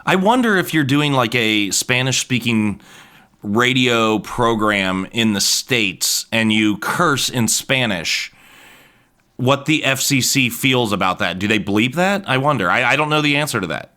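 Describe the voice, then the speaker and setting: A man from Ohio co-hosting a casual podcast, rambling along with self-deprecating jokes. His voice is bright and forward, set at a middle pitch. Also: lively intonation, a little slow. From Cincinnati, Ohio. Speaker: podcast co-host, musician. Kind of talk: casual chat.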